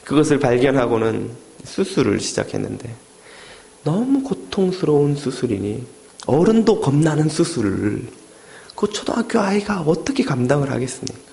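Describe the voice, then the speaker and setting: A man's voice: mid-range voice, big pitch swings, normal speed, gravelly, mellow. A middle-aged man preaching a sermon, telling a story dramatically and acting out the people in it. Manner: dramatic storytelling that acts out the quoted voices. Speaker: pastor.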